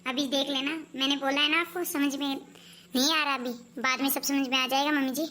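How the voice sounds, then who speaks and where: A woman's voice: sits high, fairly even intonation, a little fast, background noise, lightly acted. A woman playing a nagging married daughter. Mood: scolding. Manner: nagging, reproachful. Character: meddling married daughter visiting her mother, grown woman. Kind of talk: amateur family skit.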